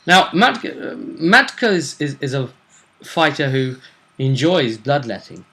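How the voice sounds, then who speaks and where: Hosting a tabletop role-play vidcast, a man talks through a fantasy tournament in a casual, musing, deliberate way. His medium-pitched voice is fairly bright and sing-song, with vocal fry.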